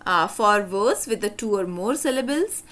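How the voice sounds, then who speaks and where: Woman, Indian English accent, grammar teacher, lively pitch, careful spelled-out explanations. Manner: explaining slowly, spelling out letters. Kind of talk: grammar lesson.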